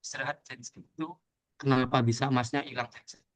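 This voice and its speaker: Pria murid bertanya dengan sopan. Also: male voice, mid-range voice, flat delivery, brisk. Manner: polite, hesitant questioning. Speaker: student. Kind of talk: asking a question in class.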